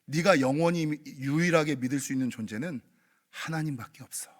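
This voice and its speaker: A man's voice: fairly high pitch, brisk, lightly acted. A man voicing a stern father who bluntly warns his son. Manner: firm, blunt.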